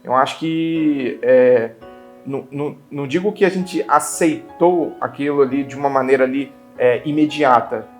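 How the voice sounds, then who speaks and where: A man in his twenties, interviewed for a documentary, speaking in a halting, thoughtful way with many restarts. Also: medium pitch, soft background music. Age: 20s. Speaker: interviewee, father.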